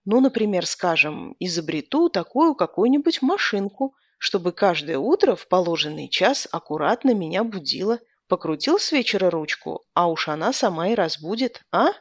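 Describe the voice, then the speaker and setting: A woman's voice: lowish voice, very animated, moderate pace, few pauses, no echo. A woman voicing a retired army captain, a pompous and befuddled father. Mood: blustering. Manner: pompous and blustering.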